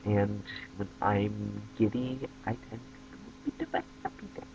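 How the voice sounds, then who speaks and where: A young man chats to his camera, telling a funny story with animated, excited spikes in his voice. His voice sits a little low. The dull lo-fi recording carries a faint hiss behind him. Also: moderate pace, gravelly. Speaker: vlogger. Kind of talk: casual storytelling vlog. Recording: dull lo-fi webcam audio.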